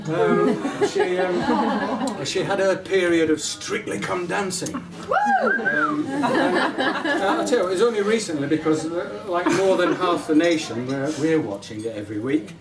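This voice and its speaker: At a wedding reception, a middle-aged man offers an informal, affectionate father of the bride speech, rambling hesitantly in a high-pitched voice whose pitch swoops wildly while his pace stays measured. A loud crowd surrounds him, and the distant mic in the echoey room catches audience noise and guests murmuring and laughing.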